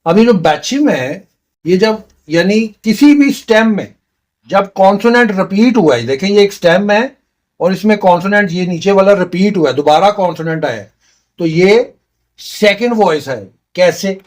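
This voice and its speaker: A man's voice: high voice, expressive, moderate pace, darkish tone. A man teaching a beginner language lesson, patiently repeating each sound step by step. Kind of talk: slow explanatory lesson.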